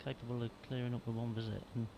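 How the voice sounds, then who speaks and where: A man's voice: medium pitch, little pitch movement, very fast, creaky, noisy background. A man giving conversational, slightly hesitant snooker analysis as a co-commentator. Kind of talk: informal live snooker analysis.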